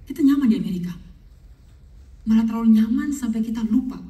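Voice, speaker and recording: A middle-aged woman pastor preaches and tells her own story with lively, animated retellings. Her voice is dark and mellow. She sounds like she's in a roomy, echoing hall, standing a little way back from the microphone. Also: a little high, brisk, recorded from a distance. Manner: animated storytelling, acts out pleading in English. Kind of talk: sermon with personal testimony.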